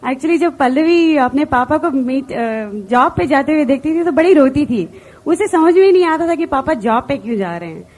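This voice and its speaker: High-voiced woman giving a motivational talk. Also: animated, moderate pace, a little mellow. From India. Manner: earnest personal storytelling, mixing in English words. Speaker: business seminar speaker.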